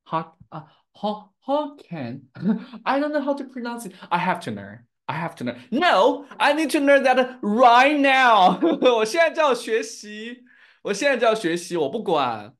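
During a live-streamed Mandarin lesson, a young man from Chengdu, Sichuan, China, speaks with a Chinese accent and switches between English and Chinese. His voice is very high and fairly bright, with big pitch swings and an unhurried pace.

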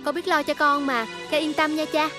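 An actress with a Southern Vietnamese accent playing a devoted, earnest young daughter who speaks politely and coaxes. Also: female voice, sits high, flat delivery, brisk, music in the background, lightly acted. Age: young adult.

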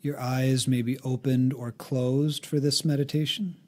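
This guided meditation is narrated by a man at a medium pitch. He gives calm, gentle instructions and leaves long silences between phrases.

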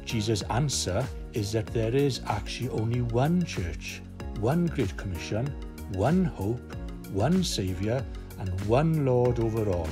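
A man giving a steady scripted promotional voice-over. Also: medium pitch, unhurried, over music. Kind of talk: scripted narration.

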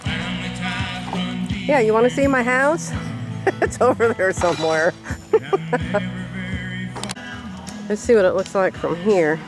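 A woman's voice: on the low side, lively intonation, takes it slowly, pauses often, over music. An older woman narrating a casual vlog, chatty and exclaiming often, laughing as she films outdoors at a building site. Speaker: vlogger. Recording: outdoor camera audio with noise.

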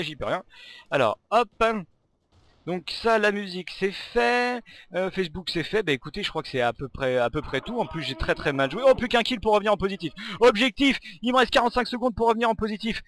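A man giving live commentary while playing a video game. He rambles, stumbles over his words and breaks into excited outbursts at the game. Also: sits high. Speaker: gamer and channel host.

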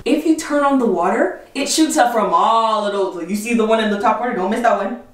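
A woman's voice: a little high, fairly quick, distant mic. Young woman, echoey bathroom, off-mic. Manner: eager, directing the camera around. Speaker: vlogger's wife. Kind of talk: casual house tour vlog. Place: bathroom of a house, indoors.

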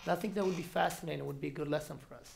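A man from Ethiopia speaking on a stage panel, animated and restarting often. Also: on the high side, rapid-fire, creaky, a little hiss or hum. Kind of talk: panel discussion. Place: large auditorium stage. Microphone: headset mic.

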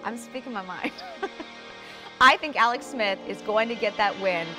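A woman's voice: mid-range voice, normal speed, music in the background. A young woman co-hosting a TV sports show in a studio, upbeat and chatty, reading viewer comments. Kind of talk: lively sports show banter.

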